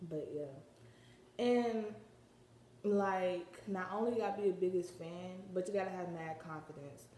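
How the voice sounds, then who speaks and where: A woman's voice: fairly low pitch, a little slow, dark tone, reverberant, slight background noise. A teenage girl vlogging casually, rambling in slang with lots of filler words and a slight lisp from a retainer. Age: teens. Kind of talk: casual vlog chat.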